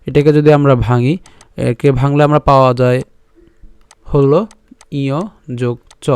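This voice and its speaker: Man teaching verse pronunciation, crisp dry voice. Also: mid-range voice, little pitch movement, darkish tone, dry recording. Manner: chants verses slowly and breaks words into syllables; repeats "ঠিক আছে" and asks himself questions. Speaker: Gita teacher. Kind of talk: recitation lesson on Sanskrit pronunciation.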